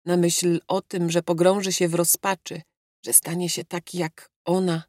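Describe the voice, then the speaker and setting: A woman narrating an audiobook in a measured, reflective way, close to a studio mic. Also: lowish voice, a little mellow, no room sound. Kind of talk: scripted narration.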